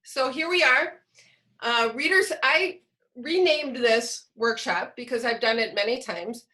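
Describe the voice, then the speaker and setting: A woman leads a teachers' online workshop by video call, explaining each step and posing questions to the participants. Her voice is fairly high and sharp in tone, and she keeps a measured pace.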